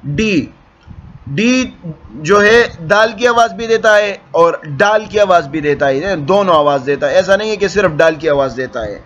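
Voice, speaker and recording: High-voiced man teaching patiently. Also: expressive, unhurried, fairly bright tone. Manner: patient, repetitive explaining with frequent "theek hai". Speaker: English teacher. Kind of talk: classroom lesson. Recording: dull lo-fi with faint background noise.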